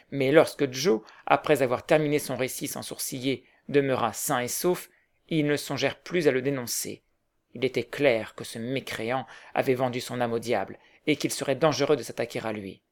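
A man narrating a novel aloud in measured storytelling. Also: medium pitch. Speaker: audiobook narrator. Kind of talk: scripted narration.

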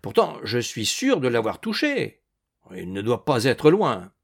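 A man voicing a suspicious old male landowner hunter who shouts and blusters, making angry accusations. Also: mid-range voice, wildly swooping pitch, measured pace, gravelly, full character voice. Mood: furious.

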